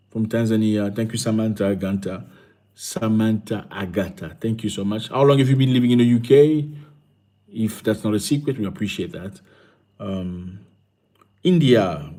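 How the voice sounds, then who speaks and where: A man's voice: fairly low pitch, dark tone. A man hosting a casual livestream, reading out viewers' comments and greeting each one with thanks. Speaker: livestream host.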